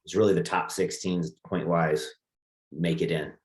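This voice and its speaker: A man's voice: low voice, fairly even intonation, moderate pace, roomy sound. A man co-hosting a casual fantasy football podcast, thinking aloud loosely with restarts. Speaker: fantasy football league co-host.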